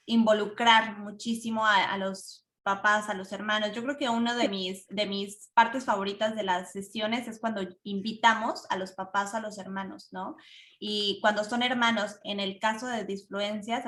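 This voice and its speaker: A woman moderating an online panel, thanking a participant and adding her own measured remarks. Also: mid-range voice, a bit bright. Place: video call. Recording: echoey room.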